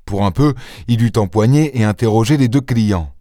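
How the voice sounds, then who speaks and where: A man narrates a scripted audiobook in a measured, even storytelling manner. His voice is lowish, captured in a dry, studio-quality recording.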